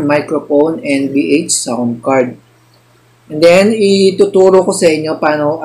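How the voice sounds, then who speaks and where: A man hosting a tutorial, calmly explaining each step as he plugs in and tests audio gear. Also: fairly high pitch, a little hiss or hum. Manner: unhurried, explains each step while plugging in cables. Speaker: tutorial host. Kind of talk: step-by-step tech demonstration.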